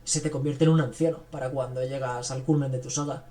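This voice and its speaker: A man's voice: mid-range voice, steady tone, fast, mellow. A man hosting a podcast, chatting casually and enthusiastically about films. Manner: enthusiastic, rambling, frequent fillers. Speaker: podcast host. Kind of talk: casual film review chat.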